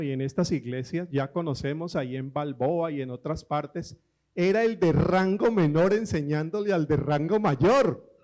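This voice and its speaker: A man delivers a lively sermon in a slightly high voice. He tells stories, acts out the people he quotes and drops in humor. He slows down to stress key points. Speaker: preacher.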